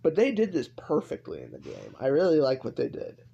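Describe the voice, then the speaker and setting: A man's voice: mid-range voice, wildly swooping pitch, a little fast, creaky, warm tone, breathy edge, muffled recording. A young man giving casual, rambling commentary over gameplay as a YouTuber, full of fillers and restarts. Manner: rambling, lots of likes and restarts. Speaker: gaming YouTuber.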